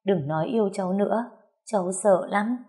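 A woman's voice: mid-range voice, fairly quick, warm tone, close to an everyday voice. A woman reading aloud and voicing a seventeen-year-old girl who is tearful and reproachful.

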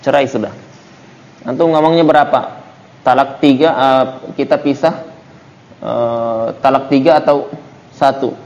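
A man's voice: medium pitch, fairly even intonation, unhurried, long pauses, darkish tone. A man teaching a religious book study, explaining by posing and answering his own questions. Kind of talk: religious lecture. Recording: muffled lo-fi lecture recording with faint hiss.

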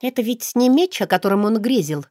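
A woman reading an audiobook voices a feisty young bride in a raised, sharp, teasing voice. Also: on the high side, lively intonation, a little fast, no echo, clean studio sound, voice pushed up.

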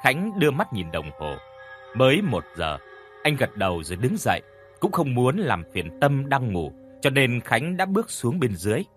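A male storyteller reads an audio horror story in a measured, expressive way. His voice sits at a middle pitch with lively intonation. Faint music plays underneath. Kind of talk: scripted horror story narration.

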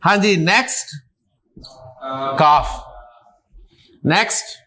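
High-voiced man teaching a class. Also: pushed and bright, low-quality recording. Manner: coaxing, repetitive, frequent checks for understanding. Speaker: Arabic grammar teacher. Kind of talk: classroom lesson, drilling letters.

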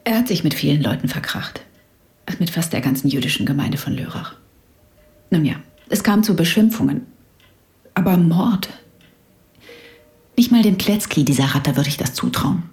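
In a German radio drama, an actress voices a grieving, embittered widow, her speech halting and punctuated by breathy sighs. Her voice is low and a little mellow, with lively intonation.

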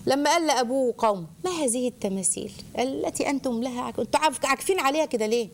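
Fast, animated Egyptian woman teacher. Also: on the high side. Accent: Egyptian Arabic. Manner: animated, asks the listeners questions. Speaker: religious teacher. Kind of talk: Quranic storytelling lesson for children.

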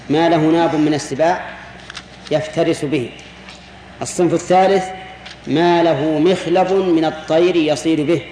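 A man teaches a jurisprudence class as a sheikh, and his voice sits a little on the high side. He explains step by step, repeats his key words and turns questions back to the students. The recording has a long, roomy hall echo and a faint hiss underneath. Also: a little mellow.

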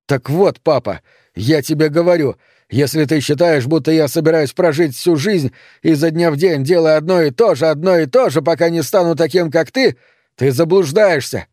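A man voicing a hot-tempered, rebellious young son who shouts back defiantly. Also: on the high side, normal speed, no echo, clean studio sound, voice pushed up, lightly acted.

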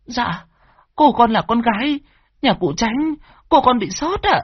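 A woman's voice: fairly high pitch, animated, unhurried, husky, no echo. A woman voicing a timid young female servant girl in an audio story, stammering and deferential. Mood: anxious. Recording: dull lo-fi dry recording.

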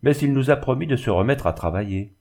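A man voicing a terse, hot-tempered middle-aged male charcoal burner who speaks curtly and gruffly, in a storybook reading. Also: mid-range voice, animated, fast, a little mellow, pitched above the performer's own voice. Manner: curt, gruff.

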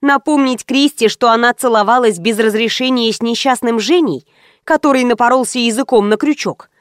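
A woman's voice: on the high side, normal speed, no room sound, studio quality. A woman narrating a first-person comic novel in an ironic, chatty manner that speaks straight to the listener. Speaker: audiobook narrator.

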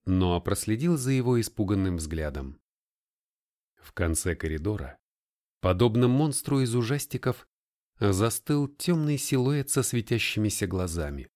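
A man reading a story aloud as a narrator in an expressive storytelling way. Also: fairly low pitch, measured pace. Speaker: audiobook narrator. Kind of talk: scripted narration.

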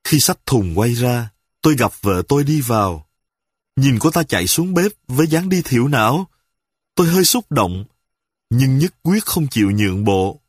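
A man reading a humorous story aloud with lively, dramatic storytelling. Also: mid-range voice, normal speed, slightly rough, no echo, studio quality.

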